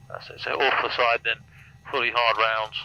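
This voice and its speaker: A British man working as a flight instructor, giving calm, encouraging step-by-step instructions and chatting casually over a cockpit headset. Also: mid-range voice, moderate pace. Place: small aeroplane cockpit in flight and taxiing. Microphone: aviation headset. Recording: noisy cockpit intercom with engine hum.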